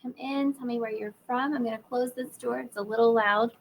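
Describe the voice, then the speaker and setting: A literacy educator hosting a live teaching webinar greets attendees by name, upbeat and casual, in an indoor room. A sore throat and cold have left her losing her voice, which sounds gravelly and husky, a little high, fairly quick and fairly even in intonation. The audio is poor, with slight background noise.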